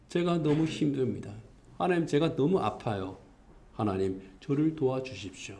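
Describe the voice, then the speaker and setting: A man's voice: medium pitch, warm tone. A male pastor delivering a Sunday sermon, earnest in tone, his voice rising for emphasis and reading scripture aloud. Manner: reads scripture aloud with the congregation.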